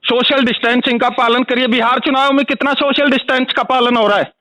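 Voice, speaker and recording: An angry man complaining loudly on a recorded phone call. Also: very high voice, steady tone, fairly quick, no room sound. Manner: furious, ranting, repetitive. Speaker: angry caller.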